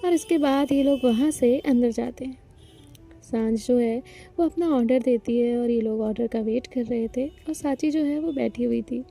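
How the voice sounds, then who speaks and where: A woman narrates a romance audio story in a steady, even manner. Her voice is high-pitched but dark and mellow in tone, over faint background music. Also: normal speed, gravelly.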